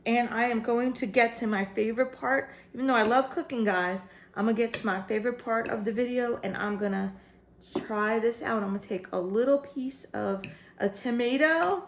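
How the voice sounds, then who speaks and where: A woman talks viewers through her own home cooking demonstration in a chatty, upbeat way. Her voice sits a little on the high side, and she keeps calling the audience "guys" as she explains each step. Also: normal speed, echoey room, slight background noise. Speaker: cooking channel host.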